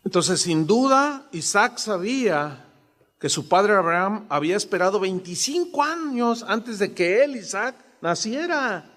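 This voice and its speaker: A man, preaching a sermon as a pastor in an animated way, often acting out the voices he quotes. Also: high-pitched, measured pace. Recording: long hall reverb.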